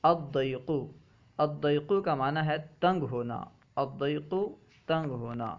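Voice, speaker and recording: A man teaching a lesson, reading each word with its meaning and then repeating both in a steady drill. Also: on the high side. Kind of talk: reading a vocabulary list aloud with meanings. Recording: dull, muffled lo-fi recording.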